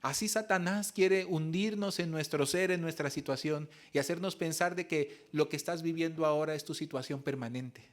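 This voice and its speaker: Earnest pastor preaching. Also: male voice, on the high side, moderate pace, few pauses. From Mexico. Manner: earnest storytelling, swings from soft reflection to raised emphasis. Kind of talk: sermon. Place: church service.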